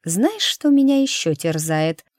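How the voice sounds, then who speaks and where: A woman reading a lively, teasing young woman in an audiobook, quick and emotional in her lines. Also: mid-range voice, dry recording, clean studio sound. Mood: chatty.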